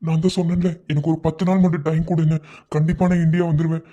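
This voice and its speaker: A man's voice: fairly high pitch, little pitch movement, racing, warm tone, highs cut off, natural voice. A man voicing a young man working abroad in a cartoon love story, soothing and insisting that his partner trust him. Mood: reassuring.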